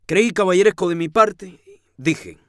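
Male reader, high lively voice, dramatic novel reading, dry close sound. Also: a little slow, dry recording. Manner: theatrical, swings from hushed to shouting. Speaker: audiobook reader.

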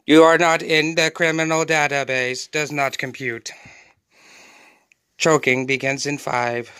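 A bossy robot cop, as a man puts it on barks out clipped, monotone orders in a bright, crisp voice. It talks slowly and mechanically, stating every command like a verdict. The voice sits a little above an average man's. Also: a little high, dry recording. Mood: glitching. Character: bossy male robot police enforcer. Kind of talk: comedic skit acting.

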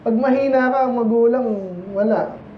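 High-voiced Filipino preacher in an echoey church. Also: male voice, fairly even intonation, moderate pace, slight background noise. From Philippines. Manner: conversational, teasing, many rhetorical questions to the congregation. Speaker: pastor. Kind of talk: sermon. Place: church sanctuary. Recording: echoey, muffled church recording.

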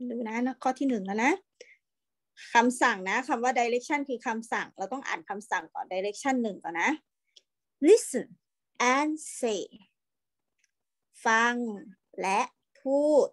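A woman with a high voice teaches a class of young children over a video call. She is patient and coaxing, repeating each word slowly so the pupils can follow. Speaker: primary school English teacher.

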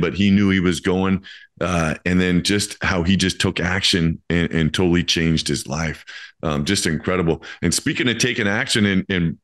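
A man's voice: low-pitched, a bit bright. A man hosting a podcast interview, asking questions in an earnest, admiring way. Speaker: podcast host.

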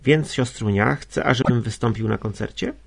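Audiobook: male reader as a subdued, hesitant gentleman, gravelly, near his own voice. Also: mid-range voice, normal speed. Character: meek, hesitant middle-aged gentleman brother. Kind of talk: audiobook character reading.

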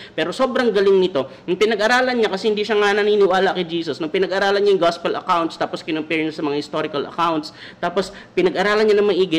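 A man with a Filipino accent hosting a comedic Bible study livestream, joking and checking in with his audience. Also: sits high. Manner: jokey, animated, keeps checking in with the audience. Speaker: devotional show host.

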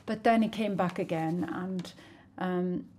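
A woman from Switzerland in her sixties telling her personal faith story in an earnest, reflective way with soft hesitations, recorded in a small living room on a stand mic. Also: on the low side, steady tone, measured pace, a little hiss or hum. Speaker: church member sharing her testimony. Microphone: stand mic, camera at medium close-up. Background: soft background music.

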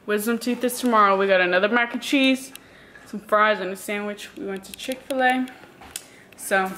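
A vlogger in her twenties chats casually to the camera from a parked car and a room at home, being blunt, slangy and full of swearing. Her voice is mid-range with a fairly bright tone, and there's a little hiss or hum.

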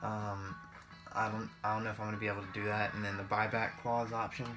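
A young man who makes gaming videos gives casual, hesitant and rambling gameplay commentary over guitar music. His voice is fairly low and flat, and he talks fast.

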